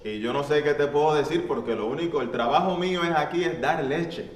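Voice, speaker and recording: A man's voice: fairly high pitch, a little fast, close to an everyday voice. A man voicing an indifferent female cow in a storybook tale, drawing out her words in a sing-song, dismissive way, heard from far off in an echoey church hall.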